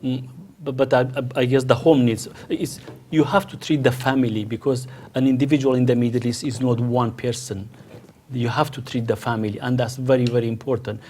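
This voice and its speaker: A man's voice: medium pitch, fairly even intonation, brisk, a little mellow, slight background noise. A middle-aged man from the Kurdish region of Iraq, speaking as a panel guest in a hesitant way, with many restarts and fillers. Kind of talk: panel discussion.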